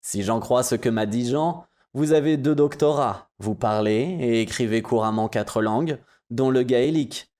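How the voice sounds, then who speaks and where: A man's voice: mid-range voice, moderate pace, hardly any pauses, a little mellow, lightly acted. A man voicing a gallant, courtly host with gracious, complimentary speech in an audiobook.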